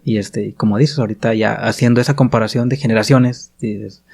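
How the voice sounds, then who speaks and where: A man's voice: on the low side, fairly even intonation, a little fast, creaky, darkish tone. A man hosting a podcast, talking in a casual, hesitant way with frequent fillers. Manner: hesitant, many fillers and restarts, agreeable. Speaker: podcast host. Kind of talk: casual conversation.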